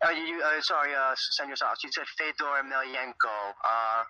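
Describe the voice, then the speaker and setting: A man hosting an interview, brisk, with frequent ums and quick acknowledgments. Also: mid-range voice, fairly even intonation, bright, forceful tone, highs cut off. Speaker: host.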